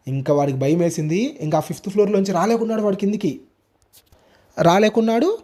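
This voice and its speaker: A man narrating a first-person ghost story in an animated way, acting out what others said. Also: sits high. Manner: animated, acts out quoted speech.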